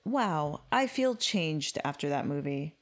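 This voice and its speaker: A woman's voice: deep voice, expressive, slow pace. A young woman co-hosting a casual true-crime podcast, joking as she tells the story. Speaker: podcast co-host.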